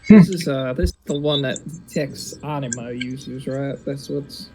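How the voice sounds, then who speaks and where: A man taking part in a tabletop game, talking in a halting way with many fillers. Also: medium pitch, noisy background. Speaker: player. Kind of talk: tabletop role-play chat.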